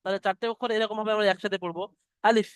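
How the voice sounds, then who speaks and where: A man teaching the Arabic alphabet in an online class, patiently sounding out each letter slowly and explaining how to pronounce it. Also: high voice, fairly even intonation, a bit bright, clear, resonant tone, dry recording, clean studio sound. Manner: slow, patient, drawn-out letter demonstrations. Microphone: computer mic on a video call.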